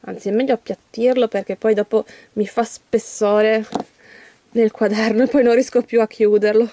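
Donna chiacchierona, voce alta e asciutta. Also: female voice, fairly high pitch, fairly even intonation, moderate pace, mellow, dry recording. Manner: chatty, talks straight to viewers. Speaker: YouTuber opening an advent calendar. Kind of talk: casual vlog chat and reading a story aloud.

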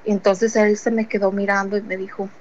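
A woman's voice: medium pitch, little pitch movement, fairly quick, a little mellow, dull audio. A woman giving a personal faith testimony, earnest and emotional, retelling events through many quoted conversations. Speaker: testimony giver.

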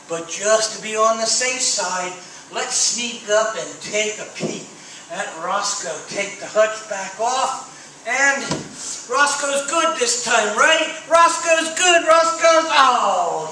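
High-pitched kids' party magician man, slow patter. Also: bright, forceful tone. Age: middle-aged. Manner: kids party magician: playful, simple, exaggerated storytelling to children. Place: indoor small curtained stage. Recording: echoey, noisy room, distant pickup.

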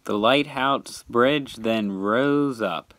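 A man narrating a homemade storybook tale in a plain, measured reading. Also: mid-range voice, fairly bright tone, no echo.

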